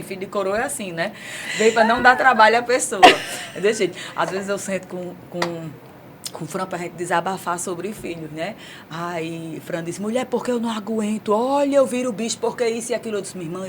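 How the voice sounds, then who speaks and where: A woman in her forties with a Northeastern Brazilian accent, chatting candidly as she tells a personal story on a local talk show. Her voice sits mid-range, and there is a faint hiss of noise under it. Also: mid-range voice. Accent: Northeastern Brazilian Portuguese. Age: 40s. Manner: candid, storytelling, animated retelling. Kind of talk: casual talk-show chat.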